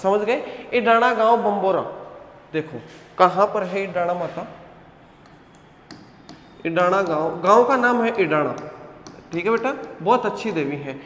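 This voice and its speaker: Male coaching-class teacher, higher pitch, repeats questions for the class, echoey hall recording. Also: expressive, a little slow, pauses often. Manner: drills students with repeated questions and answers; addresses students as "beta". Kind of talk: online coaching class lecture.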